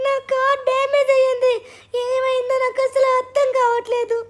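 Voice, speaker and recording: In a game story, a man uses a very high, pushed-up voice to play an anxious young woman running late for her flight. Speaking fairly quickly in a level tone, he frets and complains about her bad luck.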